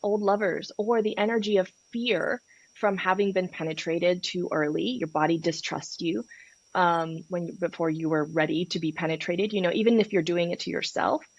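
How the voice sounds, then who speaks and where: A woman's voice: fairly low pitch, steady tone, moderate pace, slightly rough, muffled recording. A woman from Peru, a sex and relationship coach, talking frankly and passionately as a podcast guest. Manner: candid, passionate, frank with swearing. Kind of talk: podcast interview.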